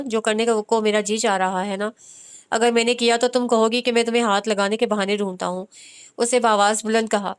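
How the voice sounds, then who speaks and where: A woman narrating a romance novel as an audiobook in a steady storytelling manner. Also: mid-range voice, clear, resonant tone.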